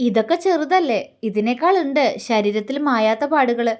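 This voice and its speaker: A woman's voice: on the high side, lively intonation, moderate pace, lightly acted. A woman voicing a tender, devoted young husband. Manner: soft, earnest, gently teasing.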